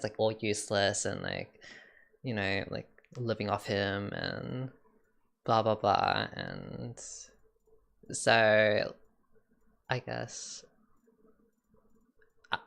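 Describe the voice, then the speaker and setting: A man's voice: lowish voice, big pitch swings, unhurried, vocal fry, long pauses, fairly bright tone. A young man, chatting casually as a podcast co-host and rambling with lots of "like" and "you know". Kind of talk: casual chat.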